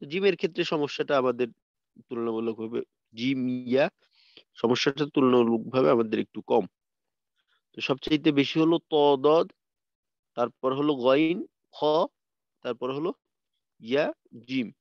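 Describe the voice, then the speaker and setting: A man's voice: medium pitch, normal speed, pauses often, no room sound, dull audio. A man teaching a tajweed lesson over a video call, patiently repeating letter sounds for his students to copy. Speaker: Quran recitation teacher.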